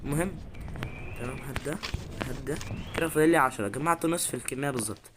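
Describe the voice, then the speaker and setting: A male gaming YouTuber with an Egyptian Arabic accent gives jumpy commentary on a horror game, muttering prayers and letting out sudden frightened yelps. His mid-range voice comes rapid-fire over a noisy background.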